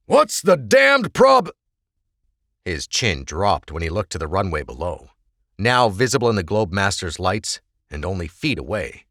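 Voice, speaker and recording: A man's voice: deep voice, expressive, moderate pace, fairly bright tone, dry recording. A man narrating an audiobook with a dramatic, varied delivery on a close microphone.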